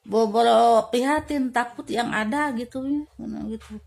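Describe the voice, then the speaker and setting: A woman's voice: on the high side, creaky, darkish tone. Chatty woman in her fifties. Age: 50s. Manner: chatty, many fillers, drawn-out words at tense moments. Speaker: storyteller. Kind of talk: casual storytelling to camera.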